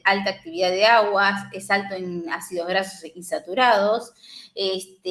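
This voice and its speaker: A woman's voice: medium pitch, fairly bright tone. A woman from the River Plate region giving a university lecture, explaining step by step, with many fillers and tag questions. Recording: echoey room.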